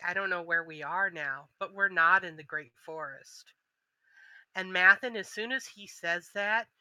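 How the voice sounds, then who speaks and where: A woman narrating as game master of a tabletop role-playing game, describing scenes in an unhurried way. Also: lowish voice, pushed and bright, no room sound, rough recording.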